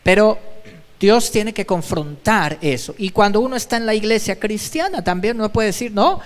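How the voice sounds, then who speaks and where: A man's voice: high-pitched, expressive, moderate pace, in a large hall. A male pastor giving an emphatic sermon, repeating his exhortations. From Colombia. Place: church.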